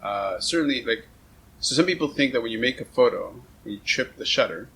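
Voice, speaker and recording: Seated at a table on a houseboat, a male show host conducts a casual, conversational interview, effusive and full of compliments. His mid-range voice is expressive, brisk, pushed, and bright. The audio is poor, with clear background noise and ambience.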